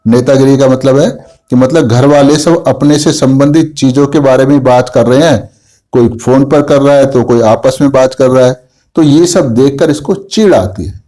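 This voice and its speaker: A man's voice: medium pitch, moderate pace, warm tone. A man, a homeopathic doctor, walks through a patient's case in a lecture and retells her words before explaining them.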